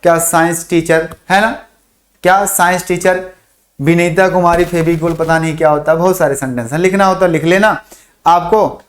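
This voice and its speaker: High-pitched guy teaching chemistry, keeps asking "what?" and spelling out memory tricks slow. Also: steady tone. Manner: drills mnemonics, repeats phrases slowly for dictation; asks and answers his own questions. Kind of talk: online classroom lesson.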